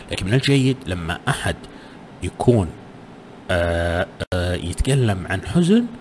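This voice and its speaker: Male tutor, casual, low voice with lively swings, slow English examples, faint hiss. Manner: switches between Arabic and slow English phrases; lively pitch, English examples spoken slowly and higher. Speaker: English teacher. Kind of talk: casual spoken lesson.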